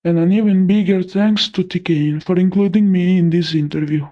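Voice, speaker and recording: A man from Italy talking through a pitch-shifting voice changer, shyly reading a prepared interview answer. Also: steady tone, fairly quick, lo-fi sound. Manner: shy, reading a prepared script.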